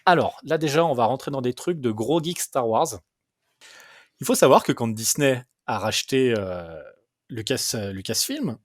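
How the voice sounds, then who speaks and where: A man's voice: mid-range voice, no room sound. Guy hosting a podcast, lots of euhs, keen fan rambling on, dry close sound. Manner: hesitant, many "euh" fillers, eager fan explaining. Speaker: podcast host. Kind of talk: casual podcast chat.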